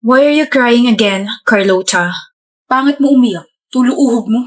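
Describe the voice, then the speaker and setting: A woman playing a blunt, teasing young man in a comedy skit, with a deadpan manner. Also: a little high, moderate pace, close to an everyday voice.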